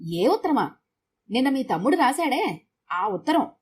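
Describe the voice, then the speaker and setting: A woman voicing a sharp-tongued middle-aged housewife who scolds curtly. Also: a little high, expressive, normal speed, a little hiss or hum, close to an everyday voice. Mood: scolding. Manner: scolding, curt.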